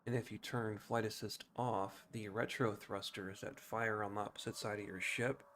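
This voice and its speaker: A game streamer offers casual gameplay commentary, thinking aloud and explaining things informally. His voice sits on the low side with a fairly bright tone, fairly even intonation and a moderate pace. There's slight background noise.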